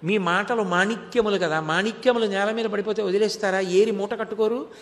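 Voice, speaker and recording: Man telling a devotional story, emphatic, high voice, long hall echo. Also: fairly even intonation, fairly quick. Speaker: devotional speaker. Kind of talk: devotional discourse.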